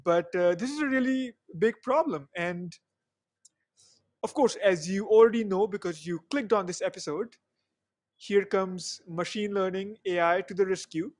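Speaking at normal speed in a high voice, this young podcast host conducts a casual interview chat over a video call. English isn't his first language; he's in a small room at home on a headset mic, chatty and leaning on "you know" fillers.

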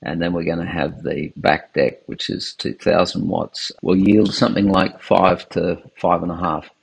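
A solar installer shows off the solar setup on a sailing catamaran, talking outdoors and inside lockers and later doing voice-over on a screen recording. He explains things in an informal, technical way, full of fillers and self-corrections. His deep, creaky voice stays fairly even at a moderate pace, and the low-quality recording carries a little hiss or hum.

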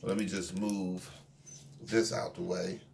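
A dog kennel owner in his forties cuts meat for his kennel dogs on his backyard patio, talking casually in a relaxed, rambling how-to vlog full of fillers and chuckles. His voice is deep, slow, and creaky. A phone camera a few feet away captures noisy outdoor sound through a distant mic.

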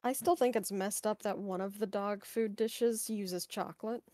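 A woman chatting casually with friends during a game, matter-of-fact and quick with her asides. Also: medium pitch, fairly even intonation, a little mellow. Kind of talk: casual gaming chat.

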